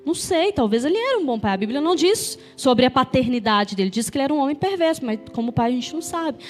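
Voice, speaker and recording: A woman's voice: high-pitched, expressive, fast, faint music behind. A Brazilian woman pastor preaching a sermon, telling a story vividly and calling the congregation to say amen. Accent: Brazilian Portuguese. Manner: storytelling, calls for amens from the congregation.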